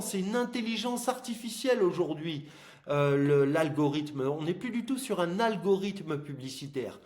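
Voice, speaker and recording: A man hosting a casual explanatory marketing video, speaking informally and emphatically to the viewer, with articulation slightly impeded by plastic dental aligners. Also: high-pitched. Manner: informal, emphatic, addresses the viewer directly with examples. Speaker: host of an online marketing channel. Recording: echoey room.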